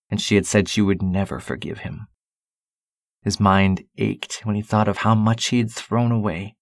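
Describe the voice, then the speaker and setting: Man, audiobook narration, steady and calm, deep-ish voice, dry recording. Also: gravelly, no room sound. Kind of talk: storybook narration.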